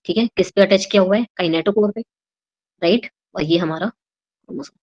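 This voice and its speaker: A young Indian woman with a medium-pitched voice teaches a biology exam-prep lesson at a moderate pace, mixing Hindi and English. She explains things step by step and checks in with her students after each point. The recording is muffled.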